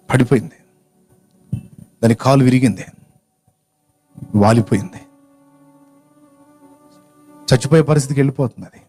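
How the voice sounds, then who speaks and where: Man preaching, telling a story with feeling, soft music under. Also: mid-range voice. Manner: emotional, builds to impassioned crying-out. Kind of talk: sermon storytelling.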